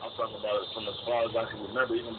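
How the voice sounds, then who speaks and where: A man's voice: fairly low pitch, flat delivery, very fast. A man from Chicago being interviewed about his rap career, talking in a laid-back, profane way with lots of fillers. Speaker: interview guest, rapper. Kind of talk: casual interview chat. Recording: tinny phone line with background noise.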